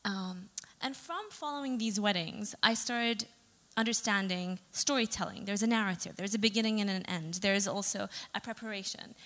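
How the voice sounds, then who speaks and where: A young adult woman, a photographer from Saudi Arabia, gives a chatty presentation full of fillers and self-corrections. Her voice is medium-pitched and fairly bright, moving at a moderate pace with hardly any pauses. The recording carries the long reverb of a hall.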